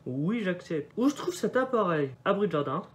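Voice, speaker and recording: A man's voice: high-pitched, big pitch swings, moderate pace. Young man, casual commentary, reads on-screen prompts aloud, offhand muttered asides, phone-mic recording. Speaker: vlogger doing a device setup.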